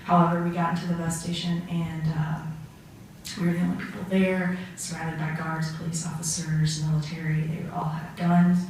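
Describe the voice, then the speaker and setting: In an amateur mock trial, a woman lightly acts as a humble 47-year-old Syrian immigrant man, a painting contractor on the witness stand, speaking in a somber, halting way full of ums, hesitations and pauses. Her voice is fairly low, flat and a little mellow. The recording is echoey, far from the mic, with faint noise.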